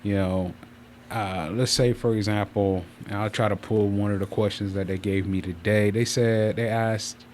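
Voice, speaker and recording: Speaking at a normal speed in a lowish voice, a man hosts his channel's livestream from a room at home. The chat is casual and rambling, frequently circling back to repeat itself, over the steady, clear sound of a running fan.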